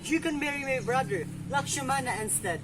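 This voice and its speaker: A woman's voice: high voice, moderate pace, crowd noise, natural voice. A woman voicing a polite, noble male prince in an amateur short film. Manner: polite, formal.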